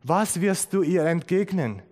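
A man preaching a sermon, slow and emphatic, repeating key phrases. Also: high voice, expressive, a little mellow. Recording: long hall reverb.

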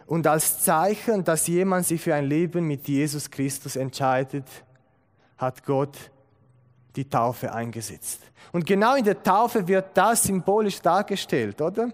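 A man preaching a sermon, earnest and direct, often asking the congregation questions and building to emphatic high points. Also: unhurried.

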